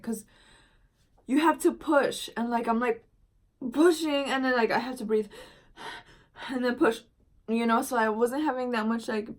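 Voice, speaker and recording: A young woman vlogger casually telling a long personal story, rambling with lots of filler words and slang. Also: on the high side. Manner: rambling, heavy use of "like" and "dude".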